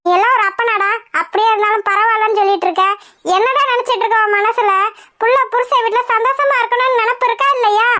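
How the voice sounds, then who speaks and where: A woman voicing a blunt, sharp-tongued old grandmother in a cartoon, nagging and scolding. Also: extremely high pitch, fairly even intonation, fast. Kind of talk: cartoon voice acting.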